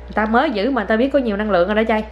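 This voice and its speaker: A woman's voice: fairly high pitch, very fast, dull audio, a little hiss or hum. A young woman, a mother talking casually to camera while coaxing her toddler at home. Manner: chatty, coaxing, sing-song talk to a child. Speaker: vlogger, mother.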